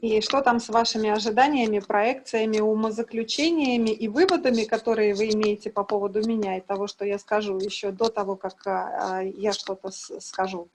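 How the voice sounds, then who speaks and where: A woman's voice: mid-range voice, steady tone, brisk, hardly any pauses, slight background noise. A woman interpreter giving a live consecutive translation voice-over on a video call. She renders each line plainly, with brief hesitations and self-corrections. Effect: live consecutive translation voice-over into Russian.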